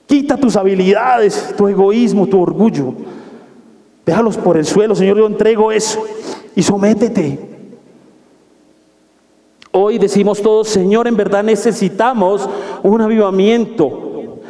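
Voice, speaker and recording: Fervent high-voiced preacher in echoey hall. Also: male voice, measured pace, pauses often. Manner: fervent, exhorting, swings from soft to raised. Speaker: pastor. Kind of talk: sermon. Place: church hall.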